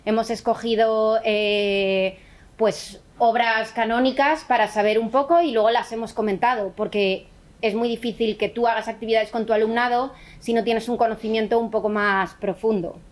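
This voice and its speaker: A woman's voice: on the high side, fairly even intonation, normal speed. A woman speaking earnestly in a conversational talk, thinking aloud with restarts. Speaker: teacher activist. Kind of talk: conversational explanation.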